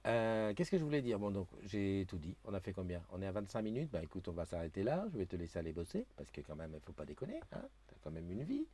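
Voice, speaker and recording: Chatty, hesitant live-stream host. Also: male voice, sits low, sing-song, fast talker, hardly any pauses, dark tone, slightly rough. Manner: chatty, hesitant, many fillers and restarts; reads viewer comments aloud. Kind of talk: casual live-stream chat. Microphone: new desk microphone being tested.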